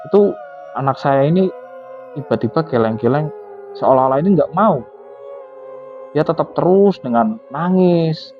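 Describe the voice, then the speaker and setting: A man's voice: fairly high pitch, animated, normal speed, pauses often, soft background music, pitched above the performer's own voice, lightly acted. A man voicing a grieving middle-aged father who earnestly explains what he has been through, on a tinny, phone-like recording. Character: grieving middle-aged father haunted by his dead daughter.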